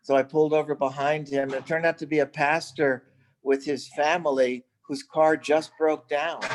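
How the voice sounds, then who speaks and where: A middle-aged man, a missionary and evangelist, telling a personal story in casual chat, halting with restarts and fillers. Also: on the high side.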